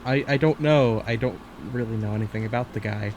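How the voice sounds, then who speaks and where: A man's voice: medium pitch, a little fast, a little mellow, a little hiss or hum. A man co-hosting a podcast, talking in a loose, rambling way with lots of fillers, restarts and swearing. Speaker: podcast co-host. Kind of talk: casual chat.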